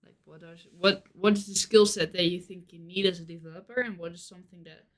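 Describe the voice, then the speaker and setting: Q&A host, casual and chatty, mid pitch, reads viewer questions aloud. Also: fairly even intonation, fast talker. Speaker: interviewer. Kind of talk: casual Q&A hosting.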